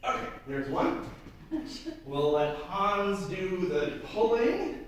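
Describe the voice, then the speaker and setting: A man's voice: high voice, big pitch swings, slow pace, muffled recording. A man working as a flea circus showman, giving theatrical, mock-grand patter with playful asides to a live audience. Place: live show space, heard from a distance. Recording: very echoey room, distant mic, faint noise.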